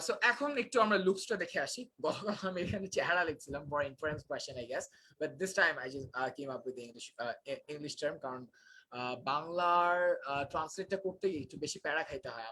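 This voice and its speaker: A man's voice: a little high, fairly quick, sharp tone, a little hiss or hum, poor audio. A young man teaching a live online class, switching between Bangla and English with frequent filler sounds.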